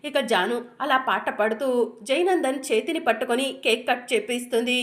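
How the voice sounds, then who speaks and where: A woman narrating a recap of a serial episode, with steady storytelling and repeated "she says" tags. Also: a little high, fairly quick.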